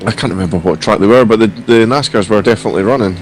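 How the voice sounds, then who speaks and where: A man with a croaky, hoarse voice giving casual live motorsport commentary. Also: lowish voice, racing, a little hiss or hum. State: hoarse from coughing. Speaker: sim racing stream commentator.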